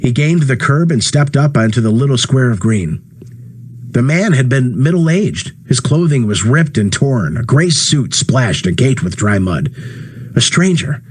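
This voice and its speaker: A man with a husky voice reading a story aloud, voicing the dialogue by lifting his pitch. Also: lively intonation, unhurried. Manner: acts dialogue with rising pitch. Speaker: narrator. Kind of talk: audiobook reading.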